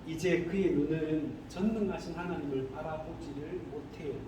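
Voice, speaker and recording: A male pastor preaching a sermon in a church, animated, who keeps asking the congregation rhetorical questions. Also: a little high, normal speed. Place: church sanctuary. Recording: echoey hall, distant mic, faint noise.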